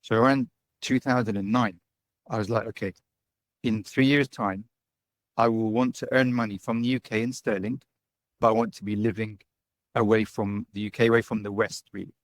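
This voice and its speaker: This dry recording captures a middle-aged man from the UK speaking on the low side, in a steady tone at moderate pace. As a guest who's a digital nomad and business owner, he answers casually and chattily, punctuating points with "right?" and "you know."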